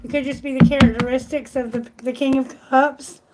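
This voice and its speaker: A woman's voice: high voice, flat delivery, brisk, heavy background noise. A woman doing a live tarot reading, chatty and exclamatory, thinking aloud, and losing her voice. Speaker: tarot reader.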